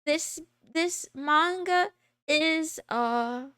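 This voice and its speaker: High woman's voice through a voice changer. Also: extremely slow, a bit bright, dry recording, clean studio sound. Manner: rambling, self-interrupting, laughs often. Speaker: streamer. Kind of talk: casual chat.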